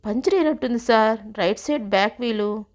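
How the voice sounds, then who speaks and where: A harried male chauffeur, read by a woman pleads and explains to his boss and the police. The voice is a touch high and close to the narrator's own. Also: brisk, natural voice. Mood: pleading.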